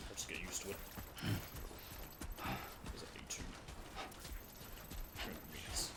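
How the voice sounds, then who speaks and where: A man giving casual gameplay commentary, muttering to himself in short fragments. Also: a little slow. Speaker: gamer playing and commenting on a video game. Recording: clearly noisy, game sounds behind voice.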